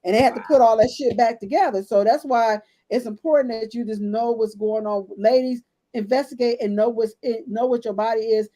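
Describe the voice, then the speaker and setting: Talking a little fast, a podcast co-host in her late fifties tells her own story with blunt honesty, calling her listeners "ladies" and speaking straight to them. Her voice is somewhat high yet mellow and relaxed, suiting the easygoing, personal feel of this casual health chat.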